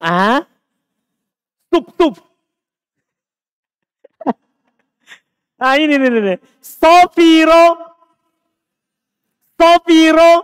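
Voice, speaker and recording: A man with a very high, smooth and clear voice leads a grammar class in a mosque, his Indonesian accent shaped by Makassar. He speaks very slowly and drills his students with short prompts, asking them to repeat each form. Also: expressive, fairly bright tone. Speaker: Islamic teacher. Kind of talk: live Arabic morphology class.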